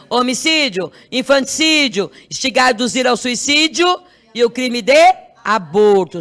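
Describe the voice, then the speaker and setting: A woman's voice: a little high, a bit bright. A woman with a Brazilian Portuguese accent teaching an exam review class, quizzing the students with constant rhetorical questions and repeating key terms. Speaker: law exam prep teacher.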